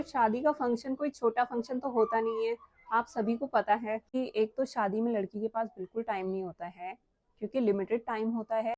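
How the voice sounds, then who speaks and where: In a dry recording, a young woman from Uttarakhand in India talks casually to camera from home. Her voice is fairly high yet dark in tone, and she's earnest and chatty, driving her points home with rhetorical questions.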